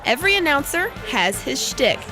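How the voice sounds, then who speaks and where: High-pitched woman, sports news field reporter. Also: sing-song, moderate pace, over music.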